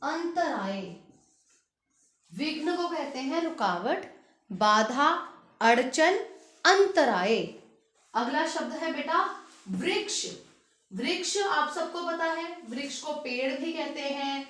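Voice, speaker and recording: A woman school Hindi teacher giving a lesson, reading out word lists slowly and stressing each word and its spelling. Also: high-pitched, expressive, fairly bright tone, echoey room. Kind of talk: online class lesson.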